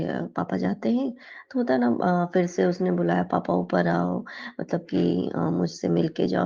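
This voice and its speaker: Woman, devotional talk, very gravelly voice, mellow tone, prayerful and earnest, dull lo-fi audio. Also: mid-range voice. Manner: prayerful, often addresses her guru directly; earnest storytelling with gentle hesitations. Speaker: devotee sharing a blessing with the congregation.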